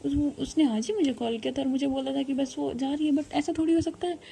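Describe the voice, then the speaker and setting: A woman's voice: mid-range voice, flat delivery, normal speed, mellow, slight background noise, close to an everyday voice. A woman voicing a fierce, heartbroken young woman mafia boss in a storytelling retelling, pleading and demanding. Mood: tearful pleading. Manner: sobbing, pleading.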